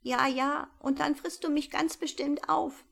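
A small, anxious father mouse from a storybook, as a woman reading aloud puts him on. He speaks a bit higher than the narration, slow and fretful, always near tears. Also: fairly even intonation, creaky, fairly bright tone, exaggerated voice. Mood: wary.

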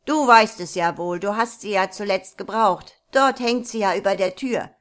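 A woman voicing an angry, greedy male troll in a read-aloud folk tale, raising her voice to shout. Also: mid-range voice, moderate pace, lightly acted. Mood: scolding. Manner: loud, shouting accusations.

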